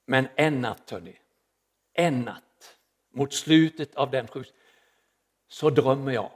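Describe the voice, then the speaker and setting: A middle-aged man, a pastor, preaching a sermon and telling a story with dramatic rises and soft drops. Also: mid-range voice.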